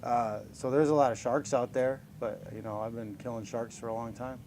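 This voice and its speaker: Facing reporters in an informal scrum, a fighter in his forties answers in a relaxed, cheerful way, laughing often and making jokes at his own expense. His medium-pitched voice is darkish and fairly even, at a moderate pace, with a little hiss or hum.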